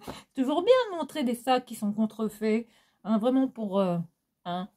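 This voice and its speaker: A fashion vlogger chats to viewers about her haul in a fairly high, expressive, mellow voice at a moderate pace. She has a Réunionese French accent and keeps things casual and theatrical, laughing often and using many fillers.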